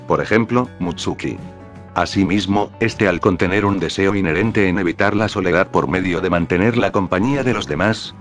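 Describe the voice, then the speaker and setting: A man with a very low voice reads a scripted analysis in a formal, measured way. Soft music plays quietly underneath him. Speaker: video essayist.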